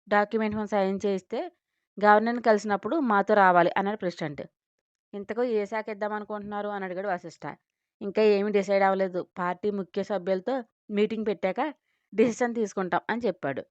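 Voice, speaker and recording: A woman's voice: medium pitch, steady tone, fast talker, dry recording. Lady reading a family drama story, dry dull-ish sound, plays all the parts herself. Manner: voices every character in the same natural voice. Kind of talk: scripted audio story narration.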